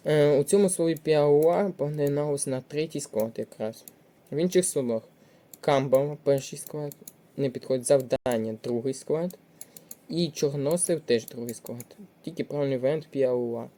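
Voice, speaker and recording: Very dark-voiced methodical tutor. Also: mid-range voice, normal speed. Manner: methodical, reads each option aloud and checks it; frequent hesitation sounds. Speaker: language tutor. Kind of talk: exam prep walkthrough.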